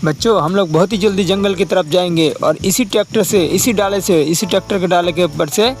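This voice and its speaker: Excitable man narrating toy play. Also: high-pitched, brisk. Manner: excitable, repeats exclamations over and over. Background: background music.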